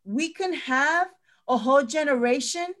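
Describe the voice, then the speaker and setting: Woman teacher, middle-aged, earnest, fairly high pitch, repeats words for emphasis. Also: expressive, a little slow, fairly bright tone. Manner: earnest, repeats herself when she stresses a point. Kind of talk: panel discussion.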